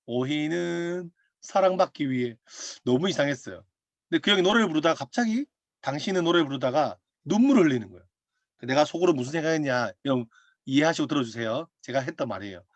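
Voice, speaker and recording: A pastor speaking fast in a fairly high voice shares his testimony as a sermon during a video-call prayer meeting. The recording has no room sound, and he tells the story animatedly with laughter and acted-out quotes.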